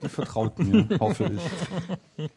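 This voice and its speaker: A man's voice: on the high side, lively intonation, slow, noisy background. A man in his thirties, a podcast host, reads a fairy tale aloud in a casual chat and breaks off for playful asides.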